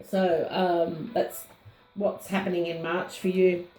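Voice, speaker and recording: A woman giving a casual tarot reading, slightly hoarse and unhurried, pausing often with ums as she muses over the cards. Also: fairly low pitch, level tone, mellow, roomy sound, faint music behind, poor audio. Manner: unhurried, musing, many ums and pauses. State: slightly hoarse, losing her voice. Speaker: tarot reader.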